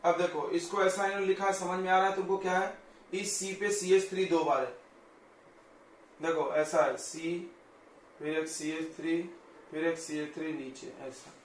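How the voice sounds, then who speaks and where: A man's voice: a little high, steady tone, unhurried, pauses often, far from the mic, a little hiss or hum. A male chemistry teacher giving a classroom lecture, explaining step by step and often checking that students follow. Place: coaching classroom. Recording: echoey classroom.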